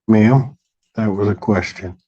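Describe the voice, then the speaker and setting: Low blunt judge in a muffled courtroom recording. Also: male voice, slow pace, dark tone, husky. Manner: blunt, clipped questioning. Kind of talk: courtroom proceedings.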